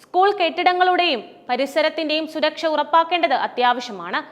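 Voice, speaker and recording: A woman reading a scripted news commentary in a formal, measured way. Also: high voice, a bit bright, big-room sound. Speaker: news narrator.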